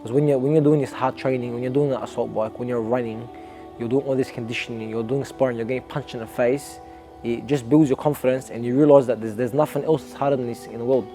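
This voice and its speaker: A young Australian amateur boxer gives an earnest, reflective documentary interview, regularly restarting what he says. He speaks fast in a steady, dark, mid-range voice, with soft music in the background.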